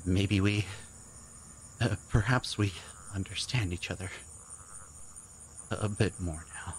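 A man's voice: sits low, steady tone, slow pace, a little hiss or hum. A man voicing a stammering, apologetic, loyal companion in an audio drama. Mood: soft, tender.

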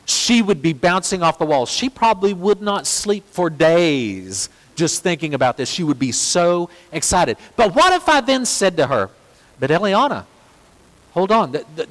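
A man's voice: fairly high pitch, a bit bright. A pastor preaching a sermon, telling a story and acting out both sides of an imagined talk with his young daughter. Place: church sanctuary. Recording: long hall reverb.

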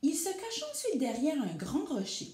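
Animated teacher reading aloud. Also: female voice, high-pitched, moderate pace. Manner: animated, asking children questions. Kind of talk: storybook read-aloud for children. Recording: echoey room.

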